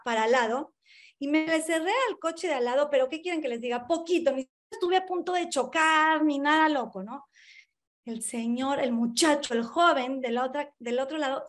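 A woman gives a spiritual talk to women, telling anecdotes in an animated way and calling her listeners dear friends. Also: high-pitched. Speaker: speaker giving a talk to women.

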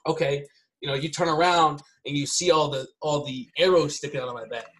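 A man's voice: fairly high pitch, fairly even intonation, a little fast, a bit bright. A man talking casually on a podcast, rambling with many restarts and often ending lines with "right?".

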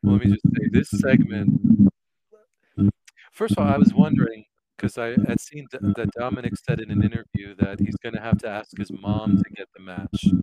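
A man's voice: on the low side, steady tone, moderate pace, muffled recording, over a noisy crowd. Chatty, joking male podcast co-host. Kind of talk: casual chat.

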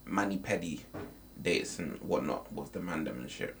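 Gravelly, low young London roadman. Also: animated, moderate pace, very noisy. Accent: London, urban roadman slang. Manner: slangy, repetitive sloganeering. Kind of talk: casual banter between friends.

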